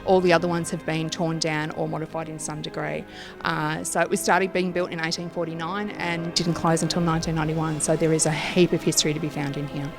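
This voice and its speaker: Lower-pitched, creaky Australian woman guide. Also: little pitch movement, a little fast. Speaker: ghost tour guide being interviewed. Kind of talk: informative interview talk about local history. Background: music.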